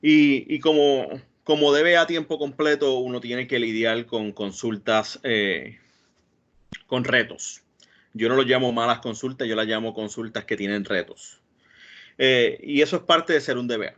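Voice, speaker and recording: A man's voice: mid-range voice, normal speed, fairly bright tone. A man from Rico, a database administrator giving an online technical talk, hesitant and full of fillers and restarts. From Puerto Rico. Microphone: computer mic on a video call. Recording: dull lo-fi video call audio.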